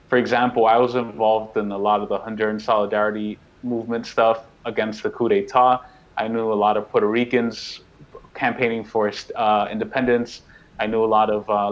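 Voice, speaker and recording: A man around thirty from New York, talking as a guest in a casual interview, earnest and quick as he explains. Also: fairly low pitch, lo-fi sound. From New York, United States. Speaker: guest, co-founder of a media collective.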